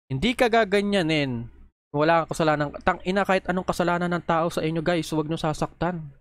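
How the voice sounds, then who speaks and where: A man's voice: on the high side, fast, dry recording. A man reacting on video in a heated, profane, scolding rant, talking straight into a close microphone. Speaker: video creator reacting to posts.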